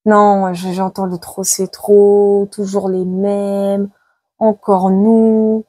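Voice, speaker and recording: A woman psychic speaks slowly in a mellow, mid-range voice with a completely flat delivery and no room sound. She gives dramatic predictions in a live tarot card-reading video, repeating herself with plenty of exclamations and seeming worn down by the heat.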